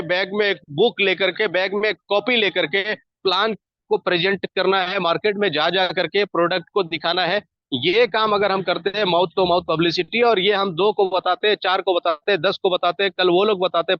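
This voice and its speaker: A man's voice: high-pitched, dry recording. A man giving a persuasive, repetitive motivational talk as a network marketing team leader. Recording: dull, dry lo-fi sound.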